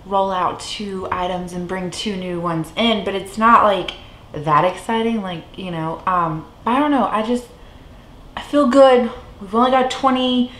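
A woman vlogging in casual chat, rambling and full of fillers. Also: medium pitch. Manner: rambling, chatty, filler-heavy. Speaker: beauty vlogger. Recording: echoey room.

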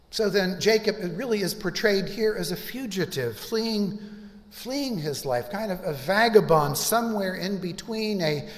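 An older man gives a sermon at a church pulpit, with a somewhat high voice and a very slow, deliberate delivery full of pauses. His voice rings through a large sanctuary with a long echo. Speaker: pastor. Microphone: pulpit microphone. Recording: reverberant church hall.

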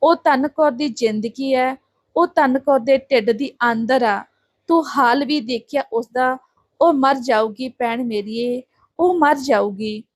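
A woman's voice: sits high, a little slow, dry recording. A woman voicing a distressed Sikh village father who begs and pleads through tears. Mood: pleading. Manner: begging, tearful appeals.

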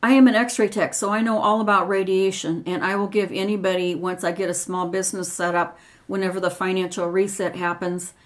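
A woman's voice: medium pitch, little pitch movement, a little fast. An older woman, a retired x-ray tech, speaking in a personal video with an earnest, rambling manner, nervous at times. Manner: earnest, rambling, grievance-driven.

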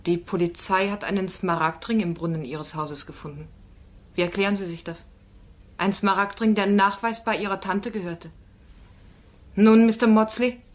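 In a German crime radio drama, a woman acts the part of a firm, probing female defence lawyer who questions insistently and pointedly. Her performance is lightly acted, with a medium-pitched voice at normal speed.

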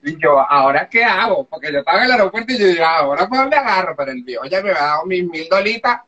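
A woman from Venezuela with a Venezuelan accent, telling her own story in casual chat, animated, laughing often and acting out the dialogue. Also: fairly low pitch, very fast, muffled recording. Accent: Venezuelan Spanish.

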